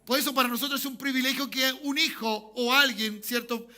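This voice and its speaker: A man's voice: very high voice, steady tone, fairly quick, pushed and bright. A man, a pastor preaching a sermon and often calling the congregation to say amen. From Chile. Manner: preaching, repeats calls for amen.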